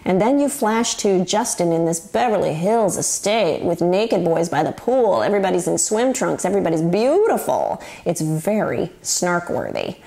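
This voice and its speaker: A woman's voice: fairly low pitch, very animated, moderate pace, creaky, hardly any pauses, mellow. A woman in her forties hosting a show, giving wry, chatty, scripted commentary to the camera. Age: 40s. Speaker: host.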